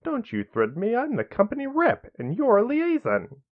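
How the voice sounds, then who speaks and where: A man's voice: a little high, sing-song, moderate pace, narrow, tinny audio, pitched above the performer's own voice. A man voicing a cool, condescending male corporate representative.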